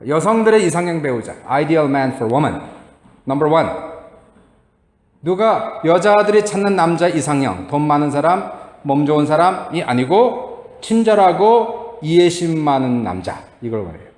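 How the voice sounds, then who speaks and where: A middle-aged male pastor delivering a sermon with lively, sweeping pitch and a slightly high voice. He acts out his stories and chuckles as he goes. The sound rings with long reverb in a roomy church hall. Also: measured pace. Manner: animated storytelling, acting out quotes, chuckling. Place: church sanctuary.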